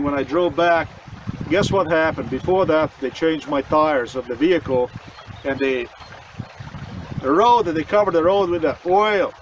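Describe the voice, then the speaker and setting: A man's voice: fairly high pitch, muffled recording, slight background noise. Insistent man, mic far off. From Slovenia. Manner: earnest, insistent, repeats himself. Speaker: vlogger. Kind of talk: personal monologue to camera. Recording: voice distant from the mic.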